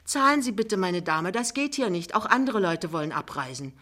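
A woman's voice: mid-range voice, animated, moderate pace, fairly bright tone. A woman reading an audiobook, voicing a flustered male police officer with a stiff, insistent manner. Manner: stiff, insistent, then pleading.

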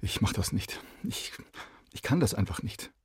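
A shy, nervous schoolboy who mutters his words reluctantly, as a male narrator puts him on. His voice is soft and hesitant, a little husky. The sound is dry and close. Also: fairly low pitch, very animated, moderate pace, no room sound, heavily acted. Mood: anxious. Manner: quiet, hesitant. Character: shy timid schoolboy, anxious.

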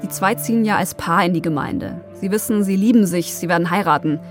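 A woman's voice: lowish voice, fairly quick, soft background music. Woman narrating a documentary podcast.

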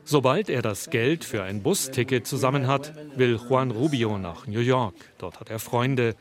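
A man narrating a news report in an even, measured, scripted manner. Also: mid-range voice, soft background music.

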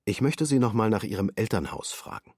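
A formal male presiding judge, read by a man in a documentary radio drama. He asks short, probing questions. The voice is very deep and husky, recorded dry and close. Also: very animated, brisk, darkish tone, no echo, exaggerated voice.

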